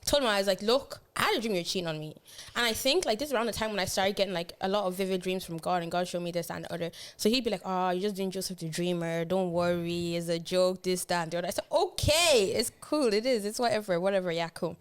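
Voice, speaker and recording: Young woman, twenties, fast slangy storyteller, co-hosting a chat podcast. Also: on the low side, clean tone. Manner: animated, swearing, slangy storytelling. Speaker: podcast co-host.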